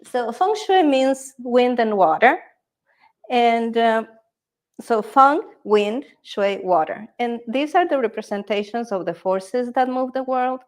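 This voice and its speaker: A feng shui consultant from Ecuador gives a live workshop presentation, speaking conversationally and often checking in with her audience through tag questions. Her voice is a little high and animated, and she takes her time.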